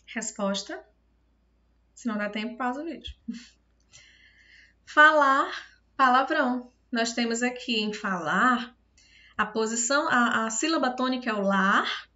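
A Brazilian woman teacher talks through a video lesson in a bright, fairly high voice. She goes step by step and keeps asking if everything is clear. The sound is muffled and lo-fi. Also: unhurried, long pauses. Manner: patient, step-by-step, often checks understanding. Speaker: Portuguese teacher.

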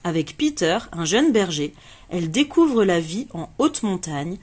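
A woman reading a children's storybook aloud, giving the characters bright, lively voices. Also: on the low side, measured pace, husky. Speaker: reader of a children's book.

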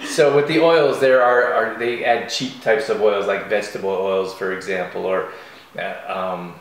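A man in his thirties co-hosting a casual morning chat at home, relaxed and chuckling often. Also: lowish voice, moderate pace. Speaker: co-host. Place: home kitchen. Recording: echoey kitchen room.

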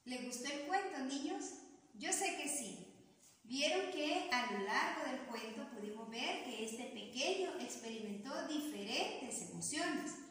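A woman teacher telling a story to young children, animated and asking them questions. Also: high voice, unhurried. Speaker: preschool teacher. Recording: echoey room, distant mic.

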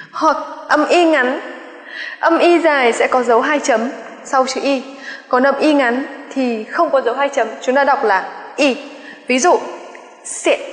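A woman teacher giving a pronunciation lecture, saying each example word twice and checking with students through polite questions. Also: sits high. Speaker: English teacher. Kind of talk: exam-prep pronunciation lecture. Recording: echoey room with long reverb.

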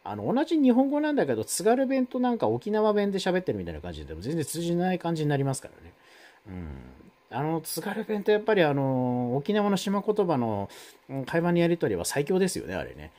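A man's voice: wildly swooping pitch, a little fast, warm tone. A man hosting a live stream, chatting casually with viewers and reading their comments, rambling with many fillers. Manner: rambling, many fillers, wide swings in pitch.

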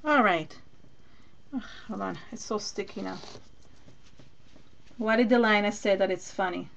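Unhurried and mid-range, with a noticeable gravelly fry, a Venezuelan woman talks through a live craft demonstration in Spanish-accented English. Slight background noise sits under her easy chatter as she thinks aloud and answers viewers' comments.

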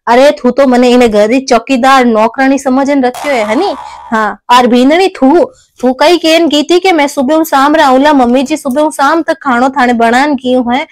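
A woman playing a sharp-tongued, fed-up older village mother in a family comedy skit, speaking with a Rajasthani Marwari accent and scolding with repeated tag questions. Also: sits high, normal speed, no echo, natural voice. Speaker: skit actor.

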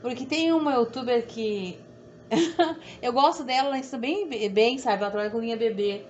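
Rambling southern Brazilian woman, slightly high. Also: moderate pace. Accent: southern Brazilian Portuguese. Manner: rambling, repetitive, self-deprecating. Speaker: sewing instructor. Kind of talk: chatty sewing tutorial. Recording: dull audio with faint background hum.

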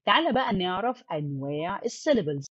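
A woman's voice: fairly low pitch, big pitch swings, a little fast, fairly bright tone, no room sound, highs cut off. A woman teaching phonics, mixing English terms into her explanations and checking in with the learner often.

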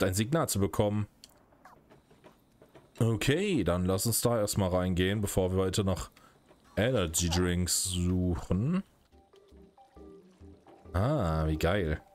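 A man's voice: on the low side, lively intonation, slow pace, pauses often, soft background music. A man casually commenting while playing a video game, musing aloud and muttering to himself. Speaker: gamer playing a cat adventure game. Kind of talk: casual let's play commentary.

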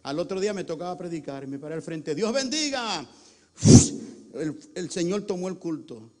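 A man with a high voice preaches a Pentecostal sermon in a large church hall. He shifts between quiet, intimate storytelling and shouted bursts of fervor, repeatedly calling out to the brethren. His voice rings out with a long hall reverb. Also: fast talker. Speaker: pastor.

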